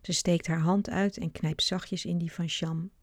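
A woman reading a children's book aloud with clear, expressive narration. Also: lowish voice, unhurried. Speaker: storyteller.

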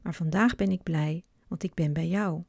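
A woman reading a children's story aloud, voicing a sensitive young girl in a high, plaintive child's voice. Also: normal speed, gravelly, darkish tone, no echo. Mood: tender.

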